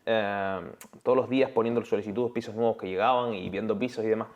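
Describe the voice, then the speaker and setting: A young man from Tenerife with a Canarian Spanish accent, talking as an interview guest in a relaxed, chatty way. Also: on the low side, quick pace, lo-fi sound. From Tenerife, Canary Islands. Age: young adult. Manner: relaxed, chatty, peppers speech with "¿sabes?" and "tío". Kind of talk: casual conversational interview.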